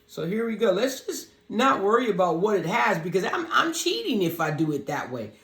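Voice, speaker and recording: Very animated and a bit bright despite a low, deep, raspy voice, this piano learner walks beginners through a casual lesson. They go slowly, talk through each step, and sing the scale notes on "ho." Piano plays in a roomy echo.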